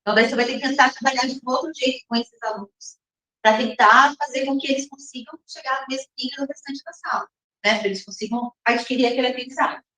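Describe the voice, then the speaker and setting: A woman teacher explaining step by step in a recorded lesson, often checking in with her listeners and reading some passages slowly. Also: sits high, bright, forceful tone. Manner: slows down and reads some passages slowly, as if from a text. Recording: roomy echo, mic at a distance.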